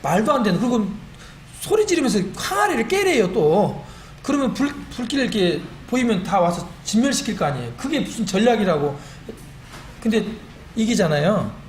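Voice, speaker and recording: A middle-aged man giving a church testimony, animated and self-deprecating, recorded in a church meeting hall. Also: sits high, moderate pace. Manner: animated and self-deprecating, quotes his own prayers. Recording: echoey hall with faint room noise.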